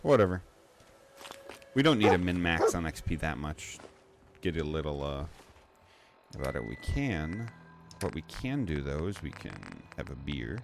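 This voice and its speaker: A man's voice: very deep voice, very animated, a little slow, pauses often, background noise. A man giving casual, chatty gameplay commentary, rambling and correcting himself as he plays. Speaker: gaming video creator.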